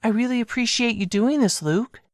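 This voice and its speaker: A woman's voice: fairly high pitch, normal speed, no room sound, clean studio sound, pitched above the performer's own voice, close to an everyday voice. A narrator voicing a friendly young woman explaining a recipe, her voice raised a little above the narration. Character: cheerful young woman cooking instructor.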